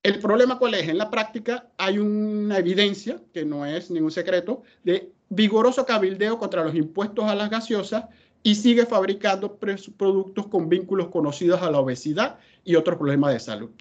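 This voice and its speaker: A man's voice: high voice, moderate pace. A man speaks emphatically in a webinar presentation. He poses questions and answers them himself. The audio is dull and lo-fi. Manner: emphatic, asks and answers his own questions. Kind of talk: presentation talk.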